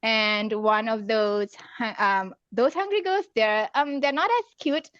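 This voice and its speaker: Woman, higher voice, hesitant, from Singapore, dull lo-fi dry sound. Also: unhurried, fairly bright tone, no echo. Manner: hesitant, many ums, laughs often. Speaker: author. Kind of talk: casual chat.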